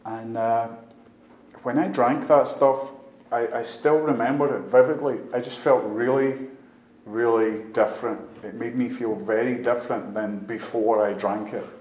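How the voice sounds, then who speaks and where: A Scottish man in his fifties, raised just outside Glasgow and carrying that area's accent, shares his story with a recovery group in plain, conversational speech. His medium-pitched, slightly mellow voice holds a steady tone at a measured pace. It was recorded in an echoey room with faint background noise.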